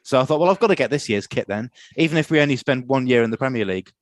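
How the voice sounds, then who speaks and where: A man co-hosting a comedy podcast, chipping in with dry, deadpan asides. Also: mid-range voice, very fast, no echo. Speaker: podcast co-host. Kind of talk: casual comedic chat.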